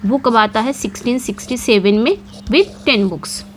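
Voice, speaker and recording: A woman teaching English literature for an exam, posing questions and answering them herself. She repeats key points and reads the English quiz questions slowly. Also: on the high side, slight background noise. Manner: repeats key points with frequent check-ins. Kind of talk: exam-prep lecture.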